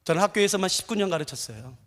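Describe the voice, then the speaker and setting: A middle-aged man preaching a sermon as pastor, telling stories with animated swings from hushed to loud. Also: high voice, rapid-fire. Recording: long reverb of a large church hall.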